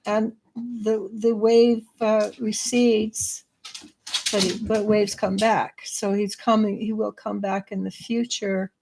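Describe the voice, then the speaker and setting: A woman's voice: fairly high pitch, a little mellow, a little hiss or hum. A woman giving live tarot readings in a chatty way, laughing now and then. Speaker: psychic reader.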